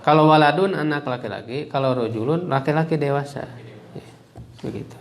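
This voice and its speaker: A man teaching an Arabic class, drilling phrases slowly and leading group repetition. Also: fairly high pitch. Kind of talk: classroom lesson. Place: classroom with students.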